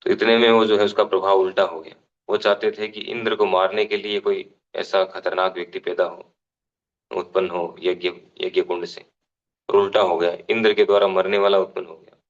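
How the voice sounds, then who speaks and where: A man's voice: deep voice, level tone, normal speed, dull audio. A man giving a devotional scripture class, explaining unhurriedly, restating phrases and giving everyday examples.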